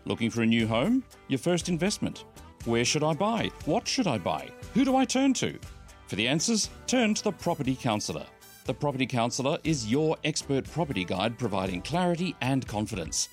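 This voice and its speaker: A man's voice: mid-range voice, very animated, fairly quick. A man voicing a salesy scripted radio ad, firing off punchy questions. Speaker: ad voice-over. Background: music.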